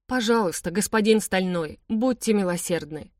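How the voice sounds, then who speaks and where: A woman's voice: mid-range voice, moderate pace, no room sound, studio quality, natural voice. A woman voicing a desperate man who sobs, whispers and begs tearfully. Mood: pleading. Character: desperate middle-aged man, sobbing and pleading.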